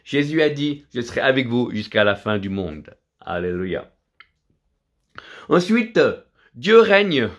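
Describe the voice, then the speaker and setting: A man's voice: mid-range voice, very animated, slow, long pauses. A middle-aged man, from Vietnam, preaching a fervent sermon full of repetition and alleluias.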